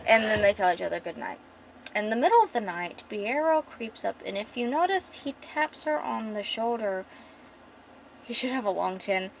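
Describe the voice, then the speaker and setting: A woman artist chatting casually on her stream as she reads through her comic pages. She rambles and corrects herself constantly, with a lively, fairly high voice. A faint background ambience sits under her. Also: vocal fry, a little hiss or hum. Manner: rambling, chatty, many fillers and self-corrections. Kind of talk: casual chat reading her comic script.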